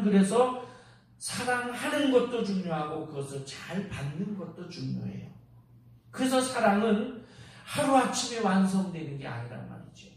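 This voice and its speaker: A middle-aged male pastor delivering a storytelling sermon, speaking directly to the congregation in a large church. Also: sits high. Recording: very echoey hall from far off.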